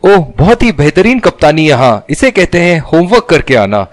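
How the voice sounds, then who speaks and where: A man giving excited cricket commentary as a commentator, exclamatory and full of admiration. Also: fairly high pitch, normal speed, no room sound, studio quality.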